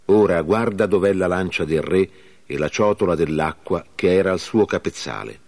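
A man's voice: deep voice, lively intonation, unhurried, darkish tone. A man reading the part of an earnest young warrior, declaiming in a solemn way. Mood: indignant.

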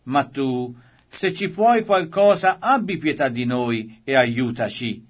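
A man's voice: mid-range voice, lively intonation, slow pace, breathy edge. A desperate pleading father, read by a man. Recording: slightly dull lo-fi recording.

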